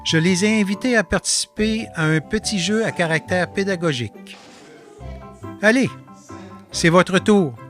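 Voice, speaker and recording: Faint music plays behind a high-voiced man with a Quebec French accent as he narrates, calmly and with measure, a documentary about his artist residency.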